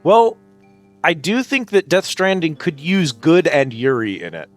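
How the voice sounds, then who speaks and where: Lively high-voiced man streaming games. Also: a little slow. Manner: playful, exclamatory greetings to viewers. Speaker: streamer hosting a live game stream. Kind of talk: casual live gaming stream chat. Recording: music behind the voice.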